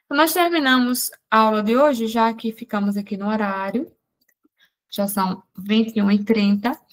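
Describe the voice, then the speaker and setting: A woman teaching an exam-prep grammar lesson, explaining step by step and asking herself quick rhetorical questions. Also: on the high side, fairly even intonation. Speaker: Portuguese teacher.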